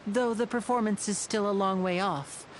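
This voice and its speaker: An actor playing a charming young male stage magician in a game, smooth and playful. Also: sits high, fairly even intonation, moderate pace, natural voice. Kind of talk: game voice acting. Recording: noisy game audio capture.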